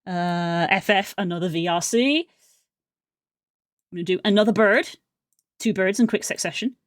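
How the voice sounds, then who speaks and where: A woman's voice: medium pitch, moderate pace, no echo, clean studio sound. A woman streamer thinking aloud in a loose, casual way as she sorts and edits clips. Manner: muttering and thinking aloud to herself. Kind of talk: casual commentary while editing clips.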